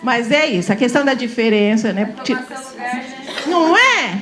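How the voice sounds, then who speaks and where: A woman's voice: a little high, animated, normal speed, crowd noise. A middle-aged woman from São Paulo giving an informal, chatty lecture to teachers, often laughing and asking the room for agreement. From São Paulo, Brazil.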